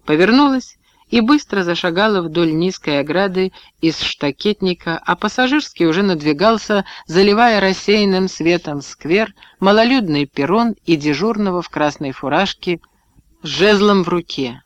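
Brief: male audiobook narrator, slightly high, steady, dry booth sound. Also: normal speed, dry recording, highs cut off. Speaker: audiobook reader. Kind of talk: scripted narration.

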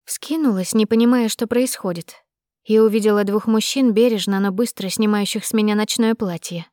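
A woman reading a first-person audiobook with expressive, measured storytelling. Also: medium pitch, dry recording, clean studio sound. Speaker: narrator.

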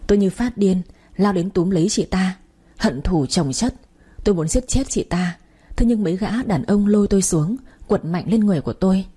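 A woman's voice: mid-range voice, animated, moderate pace, warm tone, breathy edge. A woman narrating a first-person dramatic story with emotional delivery.

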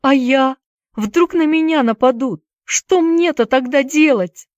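A terrified little boy cries and pleads in a high, strained voice, as a woman reading a storybook puts him on. His words come out loud and shrill. The voice sits close and dry, with no room around it. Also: measured pace, no echo. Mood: frightened, tearful. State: crying. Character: frightened tearful young boy.

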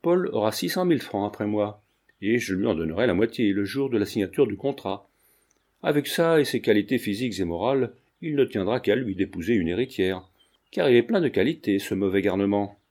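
A man's voice: lowish voice, animated, fairly quick, a little mellow. A man voicing an earnest middle-aged mother eager to marry off her son.

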